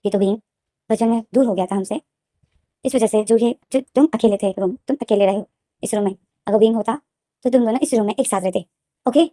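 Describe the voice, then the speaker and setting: A woman narrator puts on a middle-aged mother in a spoken fan story. Her mellow voice is emotional, then turns sternly scolding. The sound is dry and close. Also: on the high side, fairly quick, no room sound, natural voice.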